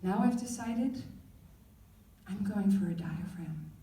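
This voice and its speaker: A woman telling a comic, profane personal story on stage with animated delivery. Her mid-range voice comes through a distant mic in a roomy hall. A faint ambient hum sits underneath. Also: medium pitch, slow, gravelly. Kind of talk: live storytelling performance.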